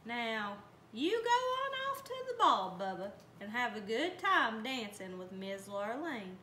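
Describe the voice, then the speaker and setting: A woman's voice: on the high side, very animated, a little slow, pushed and bright, heavily acted. Woman doing a folksy magical helper. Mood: coaxing. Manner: folksy country drawl. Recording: roomy, faint background noise.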